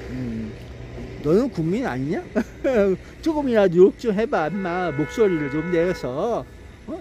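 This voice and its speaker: A man talks through a scolding political monologue in a high voice that leaps up and down. He keeps jabbing with rhetorical questions and chuckles to himself. His tone stays mellow, and soft traffic noise drifts in from outdoors. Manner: laughs to himself often. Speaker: political commentator.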